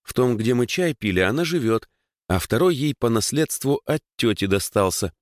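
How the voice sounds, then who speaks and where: A man's voice: medium pitch, expressive, moderate pace, no echo, clean studio sound, voice pushed up, close to an everyday voice. A man voicing a chatty young village girl. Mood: explaining. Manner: talkative, explaining at length.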